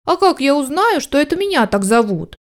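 A woman's voice: big pitch swings, a little slow. A woman doing a timid little puppy. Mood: earnest. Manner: high plaintive pleading voice. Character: small lost puppy boy, timid and earnest.

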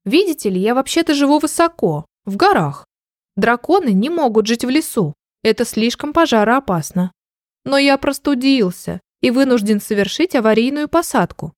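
A woman's voice: fairly high pitch, very animated, moderate pace, dry recording. Woman voicing a dragon, huge, courteous, stuffy nose, sniffling, storybook, dry close sound. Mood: explaining. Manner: polite, formal. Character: huge polite male dragon with a cold.

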